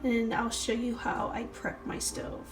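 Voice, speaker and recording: A woman's voice: on the high side, completely flat delivery, a little slow, reverberant, music in the background. A woman vlogger with a cold, casually explaining a cooking routine step by step as she handles things in her home kitchen. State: has a cold. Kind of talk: casual vlog demonstration. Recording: noisy home kitchen recording.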